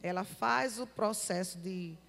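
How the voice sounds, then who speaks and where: A woman with a Northeastern Brazilian accent tells her testimony to a church audience. She acts out the voices in her story in a gravelly tone. The sound has the long reverb of a church hall. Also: mid-range voice, measured pace, a bit bright. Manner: storytelling, acting out dialogue. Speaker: church member giving testimony.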